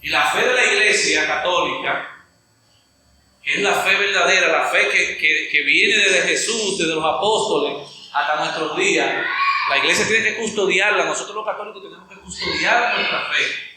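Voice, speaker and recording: A male preacher delivers an animated sermon, acting out scenes from the Bible with shifts in his voice. His voice sits high and sounds very bright. He is heard from some distance in a strongly echoing hall with a faint hum of ambience. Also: moderate pace. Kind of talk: sermon at a Lent retreat. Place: large church or retreat hall. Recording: echoey hall, speaker away from the mic.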